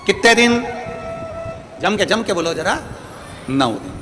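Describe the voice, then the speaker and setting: A man's voice: high-pitched, animated, takes it slowly. A man from central India preaching a devotional sermon to a crowd, piling up repeated phrases and prompting listeners to answer. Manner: repetitive rhetorical lists, prompts the audience to answer. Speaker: religious storyteller preacher. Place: large devotional gathering. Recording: long hall reverb with faint music.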